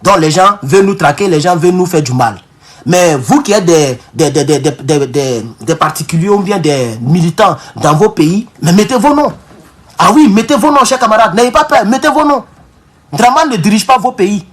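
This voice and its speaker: A man's voice: high-pitched, animated, normal speed. A man with an African French accent hosting a live-streamed political talk. He speaks fervently and emphatically, repeats phrases and restarts words, and keeps addressing his viewers as comrades. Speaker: political livestream host.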